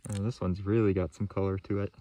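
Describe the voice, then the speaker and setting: A man's voice: low voice, little pitch movement, fast talker, mellow, slight background noise. A young man giving casual, laid-back vlog commentary in a plainspoken way as he looks for rocks. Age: young adult. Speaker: rock hunting vlogger. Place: outdoors in a yard and rock field, or inside a parked van. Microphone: phone at arm's length.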